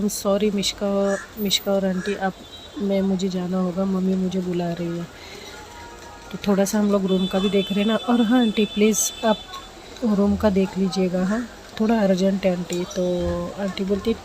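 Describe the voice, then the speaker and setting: A woman's voice: mid-range voice, noisy background. A woman casually telling a romance story, voicing all the characters in her own plain speaking voice.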